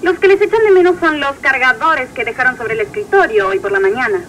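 An actress playing a sardonic police dispatcher over the radio in a cop parody, dry and teasing. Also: female voice, high-pitched, expressive, a little fast. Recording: noisy police radio transmission.

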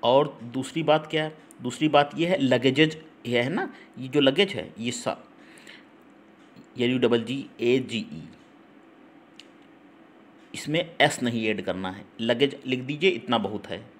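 Hindi-speaking man teaching English grammar. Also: medium pitch. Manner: repetitive, checks in with listeners (ठीक? हम्म?); spells out words letter by letter and reads English sentences slowly. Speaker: English teacher for exam prep.

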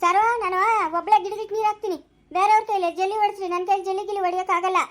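A woman with a Chikkaballapura Kannada accent playing a stubborn female prisoner who loudly protests doing chores. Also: extremely high pitch, level tone, racing. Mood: complaining. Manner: loud, whiny protesting. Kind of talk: amateur family drama.

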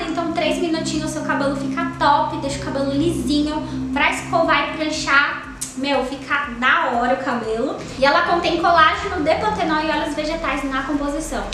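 Young Brazilian beauty vlogger, chatty and effusive, sharp bright tone, faint hiss behind her. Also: high voice. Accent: Brazilian Portuguese. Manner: chatty, gushing, lots of fillers like "tá?" and "ó". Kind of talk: casual product review. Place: small indoor room with a sofa. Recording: very echoey room with faint noise.

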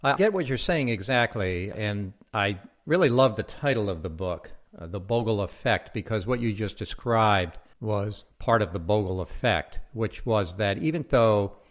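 A man hosting a podcast interview, reading a prepared introduction and then asking plain, measured questions. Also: on the low side, lively intonation. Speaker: podcast host.

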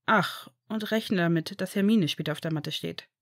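A woman voicing a young male healer who scolds his injured friend in a brisk, worried way, read from a fan fiction story. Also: on the low side, no echo, studio quality. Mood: scolding.

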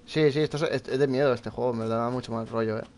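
A man's voice: mid-range voice, steady tone, quick pace, a little mellow. A young man with a Spain Spanish accent giving casual live commentary as he plays a horror game, swearing often and speaking to his viewers. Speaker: gameplay streamer.

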